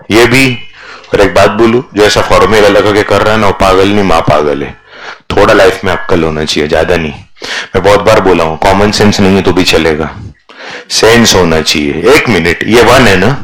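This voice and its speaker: Energetic man lecturing, low voice. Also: rough recording. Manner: energetic, coaxing students to answer aloud, mixing Hindi and English. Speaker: commerce teacher. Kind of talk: lively classroom lecture.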